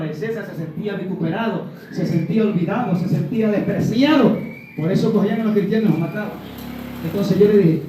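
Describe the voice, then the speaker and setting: A man's voice: high-pitched, warm tone. A man from Ecuador preaching a Pentecostal sermon, asking his congregation questions and acting out little dialogues. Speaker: evangelist preacher. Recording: very echoey room, voice from a distance, faint noise.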